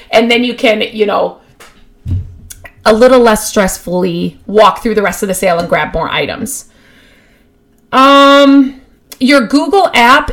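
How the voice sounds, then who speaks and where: A woman of middle pitch hosts a podcast, handing out practical tips in a casual, chatty flow. She talks with plenty of fillers and restarts, and her enthusiasm for the topic comes through. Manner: gets excited about her topic. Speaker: podcast host. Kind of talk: casual advice talk.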